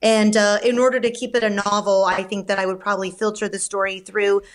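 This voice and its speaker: A Romanian woman who writes novels is a podcast guest, answering questions in a thoughtful, measured way punctuated by fillers and restarts. She speaks at a medium pitch with little movement in it.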